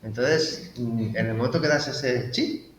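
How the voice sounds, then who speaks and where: A man's voice: medium pitch, unhurried. Reflective man, echoey room. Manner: reflective, uses quoted inner dialogue. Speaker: guest. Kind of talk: casual conversational interview. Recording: echoey room with faint noise.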